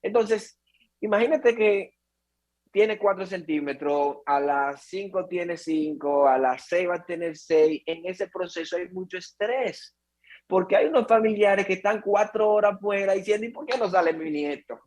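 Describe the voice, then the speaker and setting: A lively man, speaking in a fairly high voice. He explains labor to an interviewer as a doctor would, and he breaks into quick impressions of worried relatives and patients. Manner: animated, acts out patients and relatives. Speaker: obstetrician guest.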